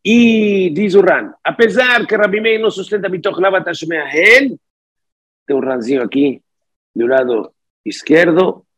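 A man's voice: sits high, expressive, measured pace, a bit bright, breathy edge. A man teaching a study lesson. He reads phrases aloud, then explains them, and slips Portuguese words into his talk. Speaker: Talmud teacher.

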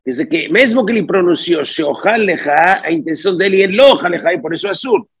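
A man's voice: high-pitched, animated, brisk, vocal fry, breathy edge. A man teaching a study lesson. He reads phrases aloud, then explains them, and slips Portuguese words into his talk. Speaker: Talmud teacher.

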